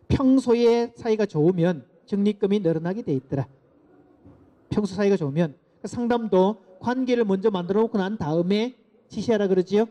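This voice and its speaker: A middle-aged man giving a lecture to parents, lively and asking the audience to repeat phrases after him. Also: high-pitched. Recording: dull lo-fi lecture recording.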